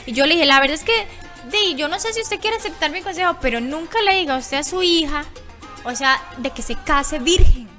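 High, bright-voiced woman giving frank advice. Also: animated, fairly quick, soft background music. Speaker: co-host or guest. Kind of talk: candid podcast chat.

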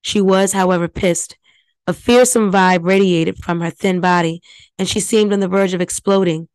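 A woman's voice: on the low side, steady tone, normal speed, darkish tone, smooth, no echo. Woman reading a scary story aloud. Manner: plain reading with casual asides to listeners. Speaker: podcast story narrator. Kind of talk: audiobook reading.

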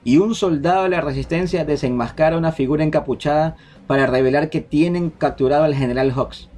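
A man, hosting a casual podcast chat, relaying leaked details in a quick, restarting way. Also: a little high, a little mellow. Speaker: podcast host. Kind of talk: casual group chat about film rumors.

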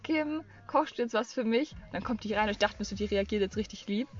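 A young woman co-hosting a vlog, chatting and adding to her friend's stories. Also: mid-range voice. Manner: quick, chatty, chimes in on the other's stories. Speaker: vlogger. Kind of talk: casual chat. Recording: lo-fi dull sound, faint music.

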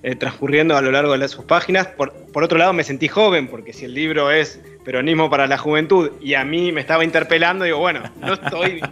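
A man's voice: fairly high pitch, fast talker, hardly any pauses, fairly bright tone, soft background music. A man interviewing an author, reflective and searching for his words as he asks questions.

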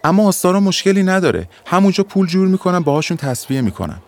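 A man's voice: high voice, big pitch swings, pitched above the performer's own voice. A man voicing a troubled young man who argues insistently and defensively.

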